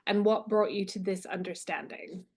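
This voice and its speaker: A woman moderating a conference session, reading audience questions aloud in a measured way. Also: mid-range voice, fairly even intonation, slightly rough.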